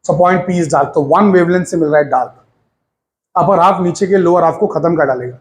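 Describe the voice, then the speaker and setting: A man teaching physics to a class of students, lively and coaxing, calling them to listen and asking if they follow. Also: fairly high pitch, moderate pace. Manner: lively, coaxing, addresses students as beta, mixes English phrases.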